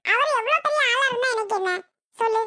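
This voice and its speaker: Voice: extremely high pitch, quick pace, pushed and bright, dry recording, studio quality. A voice actor playing a young husband in a cartoon, speaking with a Tirunelveli Tamil accent, exasperated with his wife and pleading with his aunt. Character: young husband, defiant then tearful. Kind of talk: cartoon voice acting.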